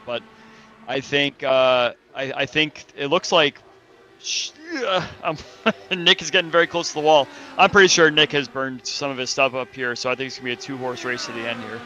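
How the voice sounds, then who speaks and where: A man adds color commentary to an online sim race, talking his thoughts through with plenty of restarts. His voice is bright and sharp-edged at an ordinary middle pitch. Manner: chatty and thinking aloud, with restarts.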